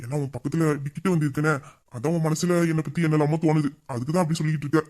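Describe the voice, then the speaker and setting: A warm-toned man with a fairly high pitch and fairly even intonation races through his lines as a teasing boss in a Tamil audio drama. As the romantic male lead, he flirts with a staff member, playful and bossy.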